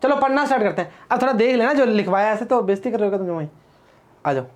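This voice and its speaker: High-voiced, teasing male physics teacher. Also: fast talker. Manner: chatty, teasing, talks straight to students; wanders off into playful asides and rhymes. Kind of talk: casual classroom lecture.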